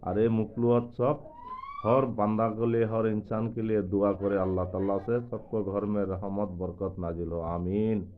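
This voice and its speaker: A man's voice: fairly low pitch, flat delivery, measured pace. A man chatting casually to camera, coaxing and calling out to animals as he goes. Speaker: vlogger. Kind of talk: casual running commentary to camera. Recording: tinny phone-like sound with faint noise.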